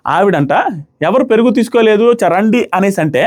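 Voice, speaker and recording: Reviewing a reality show, a young man gives emphatic, argumentative, opinionated commentary, returning to the same points repeatedly. His voice is high and darkish in tone, animated and a little fast.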